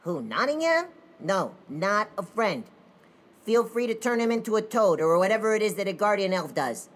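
A woman voicing a young, puzzled talking bird in a children's story, casual and expressive. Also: mid-range voice, normal speed, natural voice. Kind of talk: children's audio story character voice. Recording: clear background noise.

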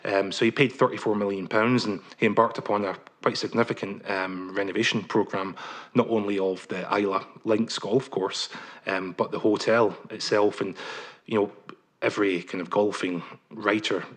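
A man with a husky, slightly low voice. He is a journalist working through detailed answers, careful and measured, filling his pauses with ums. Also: fairly even intonation. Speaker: journalist guest. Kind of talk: interview answers.

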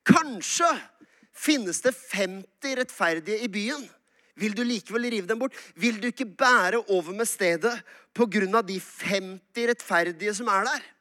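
A man's voice: sits high, bright, forceful tone, voice pushed up. A man voicing the biblical Abraham as an old patriarch pleading and bargaining with God, read out in a sermon. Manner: pleading, haggling.

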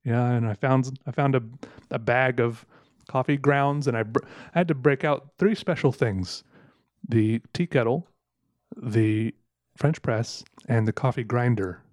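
A man's voice: mid-range voice, unhurried, darkish tone, dry recording. Rambling wry man, dry close mic. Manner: rambling, self-correcting, wry. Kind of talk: casual solo chat. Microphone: close microphone.

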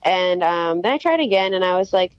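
A woman's voice: on the low side, animated, clear, resonant tone, no echo. Young woman chatting over the phone. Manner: chatty, quick, full of "like" fillers. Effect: heard over the phone. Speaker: guest musician. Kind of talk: casual interview answers. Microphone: telephone. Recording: muffled dry phone line.

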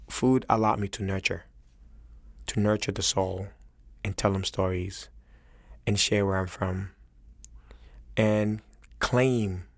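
This Senegalese chef, a guest in an interview, has a West African accent and a low-sitting voice. He talks earnestly and thoughtfully, stopping now and then to find the right word, in a dry recording of studio quality.

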